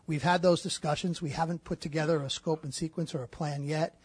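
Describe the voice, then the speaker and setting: Speaking as a school district official at a public meeting, a man answers questions carefully and uses a lot of fillers. His voice is slightly husky and somewhat high, with fairly even intonation and a darkish tone. The recording is dry, without any room echo.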